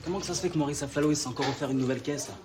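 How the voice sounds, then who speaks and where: A man's voice: fairly high pitch, racing, a loud crowd, close to an everyday voice. An actor playing a teasing male trader friend.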